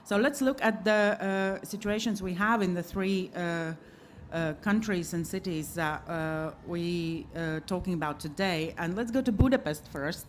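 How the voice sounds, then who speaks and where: A Latvian woman with a lowish voice moderates a live panel discussion at a measured pace, with frequent hesitations and filler sounds. The live event recording has faint background noise.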